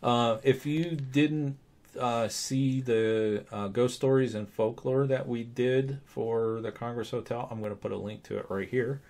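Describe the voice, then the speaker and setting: A man co-hosting a paranormal vlog in casual conversation, stretching words for emphasis in a halting way. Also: mid-range voice, fairly even intonation, a little mellow. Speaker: paranormal show co-host. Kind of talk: casual two-host vlog discussion.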